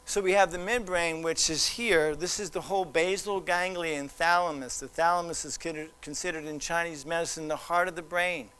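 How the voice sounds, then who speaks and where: A man giving a presentation to parents, animated and teasing, acting out what others might say. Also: fairly high pitch, normal speed, hardly any pauses, clean tone. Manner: animated, teasing, acts out quoted voices. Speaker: child development specialist.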